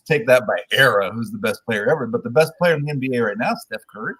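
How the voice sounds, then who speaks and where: A man guesting on a sports podcast, telling opinionated stories in a casual, animated way. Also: medium pitch, fast, husky, rough recording.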